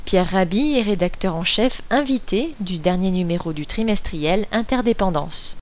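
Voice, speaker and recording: A woman's voice: medium pitch, lively intonation, moderate pace. Woman reading a scripted radio intro. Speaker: radio presenter. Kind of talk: scripted news-style introduction.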